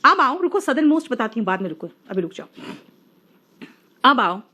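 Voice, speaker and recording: A woman teaching an English grammar lesson, coaxing her students and drawing out the example words slowly. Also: fairly high pitch, big pitch swings, pushed and bright.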